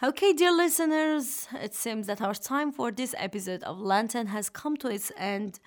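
A woman's voice: fairly high pitch, normal speed. A woman hosting a religious radio talk in a formal, teacherly manner. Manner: formal, didactic. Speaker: radio host.

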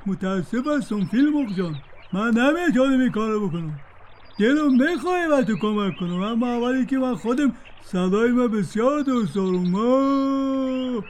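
A woman voicing a gentle, kindly male cow with a slow, apologetic manner. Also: a little high, animated, a little hiss or hum, lightly acted.

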